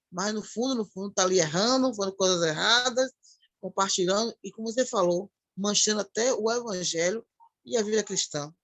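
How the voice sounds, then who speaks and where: A woman's voice: mid-range voice, fairly bright tone, no room sound. Earnest woman musing on faith. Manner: earnest, repetitive, thinking aloud. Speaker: church sister in a ministry chat. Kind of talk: devotional conversation.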